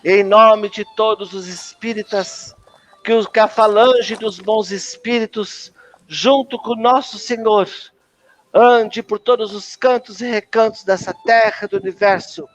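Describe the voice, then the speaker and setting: Brief: Brazilian male host, high voice, solemn declamatory prayer reading, emotional. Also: fairly even intonation, measured pace, muffled recording. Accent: Brazilian Portuguese. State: choked with emotion.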